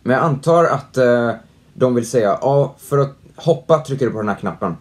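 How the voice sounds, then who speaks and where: A young man gives chatty let's-play commentary from home, talking straight to the game as he goes and jumping into loud reactions when something startles him. His voice sits at an ordinary middle pitch for a man. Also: expressive. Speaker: gaming youtuber. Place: at home, indoors.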